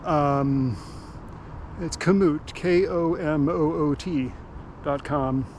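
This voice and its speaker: A man's voice: fairly high pitch, slow, darkish tone. A man chatting casually and rambling in a laid-back way while out on a run, vlogging as he goes. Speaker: running vlogger. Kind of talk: casual rambling vlog chat. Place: outdoors on a run, near a car. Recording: outdoor recording with car and ambient noise.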